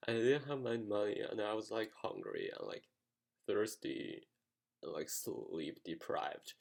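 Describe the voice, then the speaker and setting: A young American vlogger tells a story casually, rambling and leaning heavily on "like" as a filler. His voice is on the low side and gravelly, unhurried, with wildly swooping pitch.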